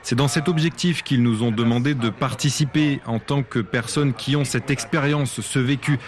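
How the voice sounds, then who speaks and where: A man reading a voice-over translation in a steady way. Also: medium pitch, moderate pace. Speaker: voice-over interpreter. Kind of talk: dubbed voice-over.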